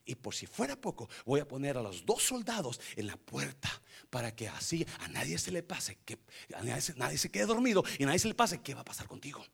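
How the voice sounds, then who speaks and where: A preacher acting out a jailer who threatens a prisoner as he chains him between two soldiers. He speaks low and quiet. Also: very animated, brisk, vocal fry, slightly rough, full character voice. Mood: menacing.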